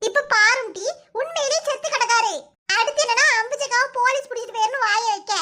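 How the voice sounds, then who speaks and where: A woman's voice: very high voice, fast, pushed and bright. A woman with a Kanyakumari Tamil accent voicing several village cartoon comedy characters, with scolding, teasing banter. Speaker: cartoon voice artist.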